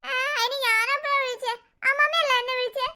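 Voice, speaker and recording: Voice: extremely high pitch, fairly even intonation, fast talker, pushed and bright, full character voice. A voice actor doing a whiny scheming little girl. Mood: sulky. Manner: whiny, then shrieking in panic. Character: mischievous little girl, scheming and easily scared. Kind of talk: cartoon voice acting.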